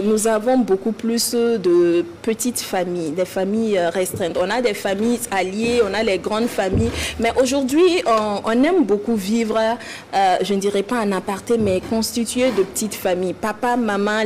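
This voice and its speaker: A woman's voice: mid-range voice, normal speed, a little mellow. A woman presenting and interviewing as a talk show host, in rhetorical phrases with lists and repetition. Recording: clear background noise.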